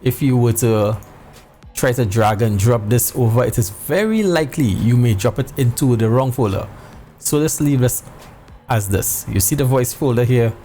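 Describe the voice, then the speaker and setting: A man's voice: medium pitch, normal speed, dark tone, soft background music. A middle-aged man giving a casual tutorial to viewers, informal and repeating phrases for emphasis. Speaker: sim racing video host. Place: indoor home room.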